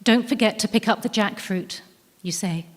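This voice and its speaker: Into a stage microphone at a live event, a woman reads a first-person literary short story in an echoey indoor hall. Her voice is mid-range and her pace moderate.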